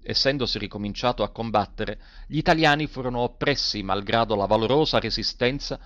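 A man's voice: medium pitch, a bit bright, no room sound. Man narrating a story, dull dry recording. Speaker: audiobook narrator.

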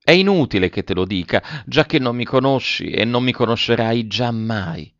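A man's voice: mid-range voice, lively intonation, moderate pace, no echo, natural voice. A man reading as a secretive masked noblewoman. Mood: mysterious. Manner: secretive, softly reproachful. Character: mysterious masked noblewoman, teasing and proud. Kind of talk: audiobook reading. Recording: dull lo-fi recording.

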